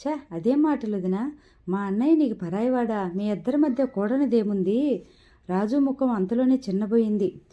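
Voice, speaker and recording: Casting: pleading young sister-in-law, read by a woman, slightly high voice, lo-fi sound. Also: animated, normal speed, close to an everyday voice. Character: young woman, earnest and hurt. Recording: dull lo-fi recording.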